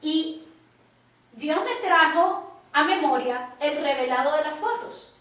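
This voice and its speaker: A woman's voice: sits high, expressive, takes it slowly, fairly bright tone. A woman preacher teaching a church class, telling a personal story with emphatic quoted dialogue. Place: church hall. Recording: echoey church from far off.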